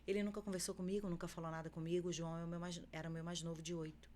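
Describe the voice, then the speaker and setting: A woman's voice: fairly low pitch, little pitch movement, very fast, a little mellow, a little hiss or hum. Fervent Brazilian woman giving testimony. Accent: Brazilian Portuguese. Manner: fervent, emotional storytelling. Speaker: podcast guest. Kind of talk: emotional faith testimony.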